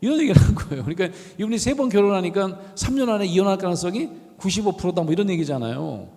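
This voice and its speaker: A man's voice: sits high, fast. A middle-aged man giving a storytelling lecture in a university chapel, acting out the voices he quotes. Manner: animated storyteller who acts out quoted voices. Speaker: guest lecturer, professor. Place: large university chapel hall. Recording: long reverb of a large hall.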